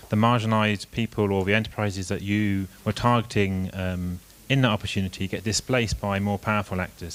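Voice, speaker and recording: A man presenting his group's reasons at a conference, measured and with frequent ums. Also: on the low side.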